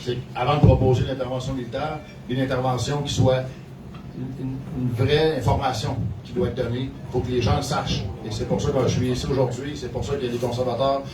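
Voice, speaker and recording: A man's voice: mid-range voice, level tone, fast talker. Quebec man in echoey, noisy discussion. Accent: Quebec French. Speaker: Conservative political representative. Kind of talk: informal political discussion. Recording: echoey, noisy, distant microphone.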